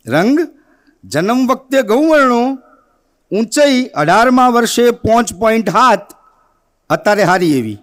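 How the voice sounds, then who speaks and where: A man poet, reciting verse in a sing-song way and telling a dry comic story on stage. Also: high voice. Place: stage at a poetry gathering.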